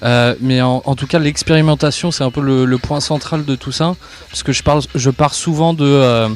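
Young man from southern France, festival radio guest, halting and relaxed, average pitch. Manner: hesitant, many fillers, easygoing laughs. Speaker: guest musician. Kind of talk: live radio interview. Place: outdoor festival park.

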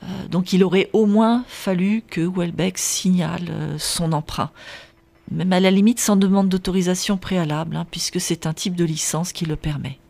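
A woman's voice: fairly low pitch, steady tone, moderate pace, vocal fry, dark tone. A woman speaking as a guest expert in a radio interview, explaining carefully and hesitating often with filler sounds.

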